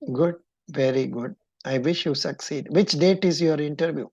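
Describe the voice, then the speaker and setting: A woman's voice: low-pitched, moderate pace, darkish tone, slightly rough, dry recording, highs cut off. A woman with a Kannada-influenced Indian English accent, coaching a mock interview in an encouraging, instructive and probing way.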